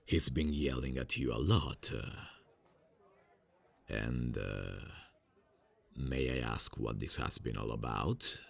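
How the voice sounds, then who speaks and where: Long pauses punctuate the soft, hesitant speech of a young man in an ASMR roleplay, acting as a friendly college guy who is secretly a serial killer. His very deep voice carries vocal fry and moves slowly, exaggerated and falsely friendly, full of fillers and quiet insinuations.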